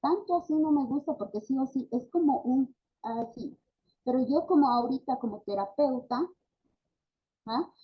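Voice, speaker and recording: A woman's voice: high-pitched, lively intonation, moderate pace, muffled recording. A woman with a Bolivian Spanish accent giving a speech therapy class, talking conversationally with many fillers and tag questions. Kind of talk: online class lecture.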